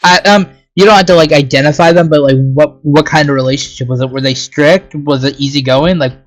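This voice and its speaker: A man's voice: a little high, steady tone, brisk. A young man hosting a podcast interview, asking tentative, rambling questions. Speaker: podcast host. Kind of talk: casual interview.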